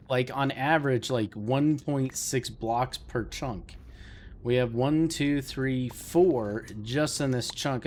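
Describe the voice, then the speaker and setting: A man hosting a let's play, chatting casually to viewers about his game and getting easily excited. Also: mid-range voice, a little hiss or hum. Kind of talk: casual gameplay commentary.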